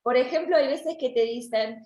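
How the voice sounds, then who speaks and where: A language teacher, a woman with a high, mellow voice at normal speed, lectures an online class from an echoey room. Her explanations go step by step, punctuated by frequent restarts and repeated words.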